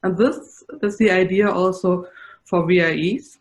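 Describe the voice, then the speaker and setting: A woman's voice: lowish voice, steady tone, unhurried, low-quality recording. A woman with a German accent chairing an online research meeting over a video call, explaining ideas earnestly with small restarts. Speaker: session chair, research professor.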